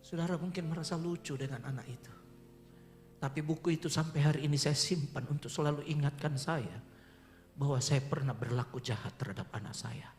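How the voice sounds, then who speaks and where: A middle-aged male pastor tells an emotional personal testimony from a church pulpit. His voice sits a little higher than most men's, and he speaks earnestly to the congregation. Soft music plays faintly behind him. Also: a little fast. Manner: emotional, earnest storytelling that addresses the congregation directly. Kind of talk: sermon testimony.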